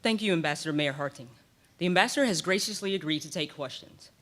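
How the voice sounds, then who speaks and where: A man moderates a conference session in a clear, courteous way. His voice sits a little higher than most men's, and he reads out the procedure in an orderly, formal manner. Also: quick pace, fairly bright tone, slight background noise. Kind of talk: formal announcements.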